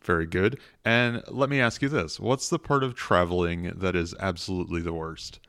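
A man with a low voice co-hosts a casual comedy podcast. He speaks in a dry, mock-formal deadpan. He is recorded close up on a dry mic. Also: moderate pace, dry recording. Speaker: podcast co-host.

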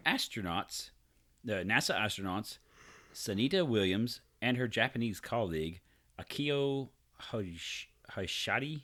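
Man, podcast co-host, low voice, casual news reading, profane jokes. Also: animated, measured pace, a bit bright. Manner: profane, joking, reads headlines aloud with asides.

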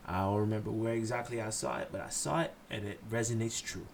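A man's voice: lowish voice, steady tone, quick pace, vocal fry, slight background noise. A man from Haiti hosting a solo podcast, blunt and impassioned, cursing freely as he lectures his listeners. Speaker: podcast host.

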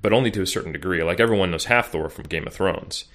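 A man with a strikingly deep voice talks through his story in a relaxed podcast conversation. He rambles, stacking fillers and restarting his sentences as he goes. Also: fast. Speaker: podcast guest, bodybuilding coach. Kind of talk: casual interview chat.

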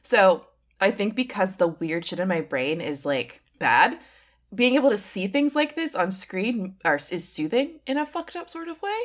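A woman's voice: mid-range voice, very animated, moderate pace. A woman co-hosting a podcast, talking candidly and loosely about films and swearing casually. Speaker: podcast co-host.

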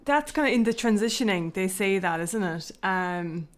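A woman's voice: medium pitch, animated, moderate pace. A woman, telling a story in casual chat, hesitant and often laughing.

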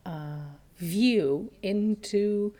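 A woman hosting a podcast in casual chat, reading out comments and talking in a halting way with many fillers. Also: mid-range voice, warm tone.

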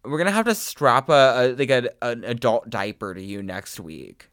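A man with heavy vocal fry and a camp, effeminate delivery, chatting casually as a podcast co-host. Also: mid-range voice, expressive, normal speed, fairly bright tone, dry recording, studio quality. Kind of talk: casual chat.

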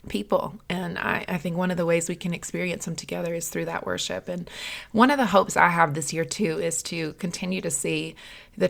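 A tired-sounding woman hosting a podcast in a hoarse, raspy voice like a smoker's, speaking conversationally and earnestly. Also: fairly low pitch. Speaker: podcast host.

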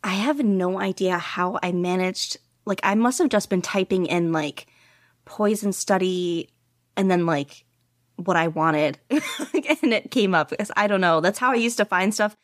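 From her bedroom at home, a young woman who writes fan fiction guests on a podcast, rambling casually with many "like" fillers and giggles. Her mid-range voice is unhurried, and the clean studio-quality audio carries no room sound.

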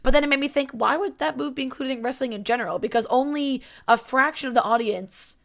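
A woman with a slightly high voice talks through a wrestling match in casual podcast chat. She rambles animatedly and leans on fillers like "like" and "um." She sounds a little tired, yawning and hiccuping now and then. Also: fast, creaky. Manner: chatty, filler-heavy, animated retelling. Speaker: podcast co-host.

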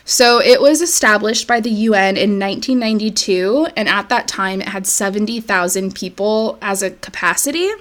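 Speaking at a moderate pace with few pauses, a female podcast co-host in a mid-range voice tells a life story loosely and casually, peppering it with fillers.

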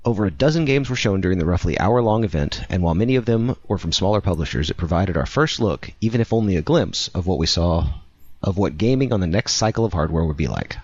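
A man's voice: low-pitched, expressive, fast, a little mellow, dry recording, lo-fi sound. A man co-hosting a gaming podcast, explaining details matter-of-factly and reading an article aloud.

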